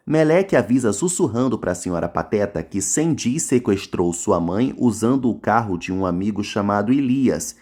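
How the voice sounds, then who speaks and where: A man's voice: mid-range voice, a little mellow. A man with a Brazilian Portuguese accent recapping a soap opera episode in casual narration, dropping mocking, slangy asides.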